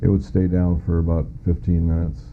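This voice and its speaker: A middle-aged American man, a former air traffic controller, gives first-hand witness testimony in an interview, plain-spoken and matter-of-fact. His low voice is completely flat and fairly quick. The muffled lo-fi audio carries slight background noise.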